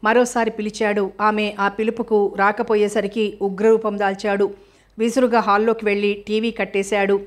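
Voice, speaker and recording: Woman narrating in a flat, even voice. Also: mid-range voice, normal speed. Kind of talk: audio novel narration.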